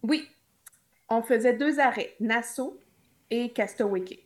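A woman's voice: on the high side, a little slow, darkish tone. A woman with a Québécois French accent, a podcast guest telling travel stories in casual chat, with jokey asides. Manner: chatty storytelling, jokey asides.

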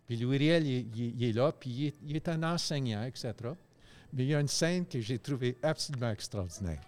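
A man, telling stories in a loose, animated way on a radio chat show, full of fillers and restarts. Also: medium pitch, fairly quick.

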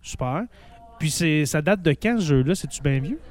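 A man's voice: fairly high pitch, lively intonation, normal speed, a little mellow. A man with a Québécois French accent doing a casual, encouraging interview, asking questions and echoing answers back.

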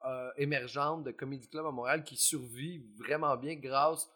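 A man's voice: medium pitch, steady tone, moderate pace, bright, forceful tone. A man with a Quebec French accent in casual, joking chat. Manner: joking, puts on mock English voices.

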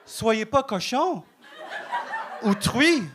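Vietnamese-accented guy doing standup, high voice, choppy broken french, noisy live recording. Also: lively intonation. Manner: halting broken French, tags lines with "hein?". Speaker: stand-up comedian. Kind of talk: stand-up comedy set. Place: live comedy club stage.

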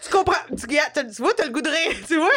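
A woman's voice: sits high, fast. A woman with a Quebec French accent, chatting casually and laughing often as she tells stories. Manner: laughing often, animated storytelling. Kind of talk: casual chat.

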